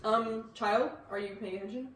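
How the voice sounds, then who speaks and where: A woman's voice: a little high, steady tone, normal speed, crowd noise, natural voice. A teenage girl playing a fussy male history teacher who lectures and gets exasperated, in an amateur school skit. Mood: chatty. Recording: echoey room, mic at a distance.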